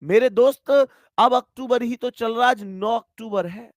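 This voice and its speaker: A man's voice: extremely high pitch, steady tone, moderate pace, dry recording. A man teaching an exam-prep class online, chatty and affectionate, often calling his students his dear friends. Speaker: maths and reasoning teacher.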